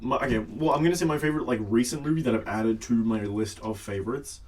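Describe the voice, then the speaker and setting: A man's voice: medium pitch, fast, darkish tone. A young man co-hosting a casual podcast with friends, laid-back and swearing. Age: young adult. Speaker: podcast co-host. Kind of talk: casual chat among friends. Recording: distant mic with faint noise.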